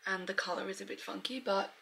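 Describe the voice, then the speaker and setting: In an echoey home kitchen, a chatty Australian woman vlogs casually, quick and bright with a pushed, fairly even medium-pitched voice. Fillers and "like" come constantly. Her camera mic, handheld or propped nearby, also catches clear background noise.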